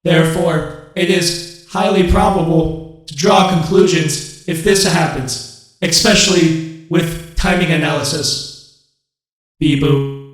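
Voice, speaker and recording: A man voicing a stiff, formal male robot sidekick in a monotone robot voice that says beep boop. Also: on the high side, slow pace, pauses often. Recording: echoey, loud music behind.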